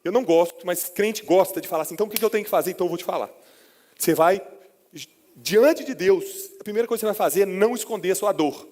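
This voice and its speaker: A high-voiced Brazilian man preaches with passion, dropping to hushed tones and then rising to fervent peaks. His voice rings with a long reverb, as if heard in a large church hall. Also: quick pace. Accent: Brazilian Portuguese. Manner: impassioned, swings from low hushed lines to raised emotional peaks. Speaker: pastor. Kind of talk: sermon.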